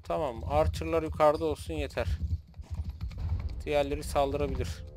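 A man streaming a battle game, loudly ordering his troops around and mocking the enemy in a rowdy, playful way. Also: on the high side, fairly even intonation, moderate pace, crowd noise. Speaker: gameplay streamer. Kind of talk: playing a strategy game live, commenting.

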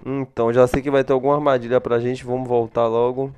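A man's voice: mid-range voice, level tone, quick pace, darkish tone, smooth, dry recording, dull audio. A man hosting a casual narrated gameplay video, chatting to his viewers and answering his own questions. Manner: chatty, talks to himself in a back-and-forth, blesses viewers. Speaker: gaming channel host.

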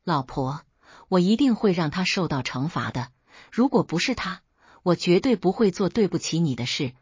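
A woman reads out a cornered husband pleading with his wife, his words tumbling out in a desperate rush. The voice is low-pitched and husky. The sound is dry and a little muffled. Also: big pitch swings, moderate pace, darkish tone, no echo. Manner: begging, desperate. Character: pleading adult husband caught lying.

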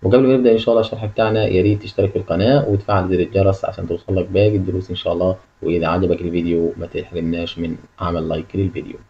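A man with an Egyptian Arabic accent and a lowish voice teaches a classroom-style lesson, repeating key phrases and putting questions to the listener. The audio sounds dull.

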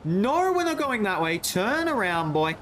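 A man streaming video games, giving casual commentary in an excitable, jokey way and often breaking into laughter. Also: sits high, a little slow, slight background noise.

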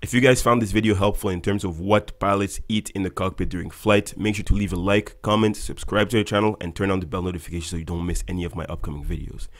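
With a deep voice, quick pace and hardly any pauses, a young pilot and video host delivers a scripted voice-over explaining things cheerfully to viewers. His intonation stays fairly even, and loud music runs underneath.

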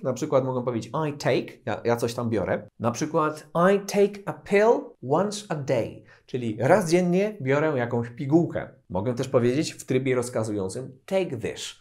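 A man teaching English pronunciation in a casual spoken lesson, explaining patiently and repeating example phrases slowly. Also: on the high side, darkish tone.

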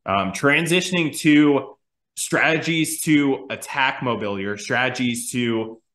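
Explaining training concepts casually over a video call, a strength coach and podcast co-host in his thirties restarts often and fills pauses, sounding thoughtful. The webcam catches his medium-pitched, fairly bright voice at a slightly slow pace, with a roomy sound.

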